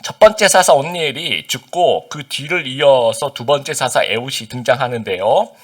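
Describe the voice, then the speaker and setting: A man, a pastor from Busan, preaches conversationally with many fillers and questions for the congregation. His standard Seoul Korean carries a slight Busan dialect, and his voice is mid-range at a moderate pace.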